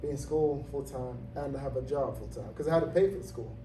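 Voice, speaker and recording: A man in his thirties, originally from Zambia, telling his story in a relaxed interview with many fillers and easy laughs. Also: medium pitch, a little fast. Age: 30s. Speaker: interviewee, gym owner. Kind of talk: casual interview. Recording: roomy, distant, noisy ambience.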